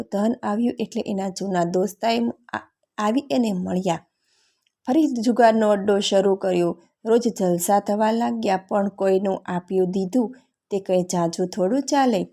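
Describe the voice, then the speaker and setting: A woman narrating a folk tale in a calm, steady storytelling manner. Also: medium pitch, moderate pace, gravelly.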